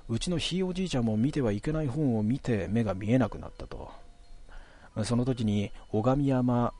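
A man casually telling a ghost story in a relaxed, conversational way, stretching out some phrases. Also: medium pitch, a little fast.

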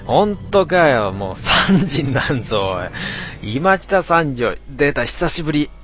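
A man hosting a casual late-night stream, reading out listener comments with grumbling asides and frequent throat clearing. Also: fairly high pitch, sing-song, unhurried, a bit bright, soft background music. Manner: grumbling, talks to himself, mock-annoyed asides.

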